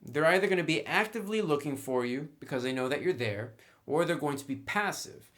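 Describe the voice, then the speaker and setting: A man reviews a tabletop game casually, walking the viewer through it step by step and speaking straight to them. His voice is fairly high, expressive, and fairly bright, with a fairly quick pace.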